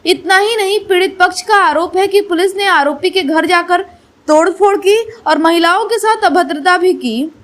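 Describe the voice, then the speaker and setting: Female news voice-over, very high pitch, formal and steady. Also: moderate pace. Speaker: news narrator.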